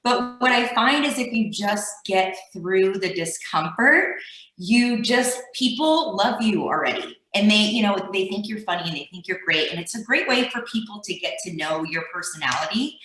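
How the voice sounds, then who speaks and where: A woman speaks candidly on a panel in a bright, sharp voice. Her s sounds whistle, and her manner is self-deprecating. The sound is roomy and echoey. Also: medium pitch, expressive, normal speed, soft background music.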